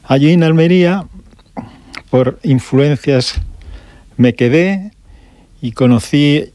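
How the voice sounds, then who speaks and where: Older man from Galicia, guest on radio, dry close mic, unhurried storyteller. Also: a little high, warm tone, no echo. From Galicia, Spain. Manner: unhurried storytelling with pauses and restarts. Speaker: guest, electronics shop owner. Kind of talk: radio interview. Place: radio studio.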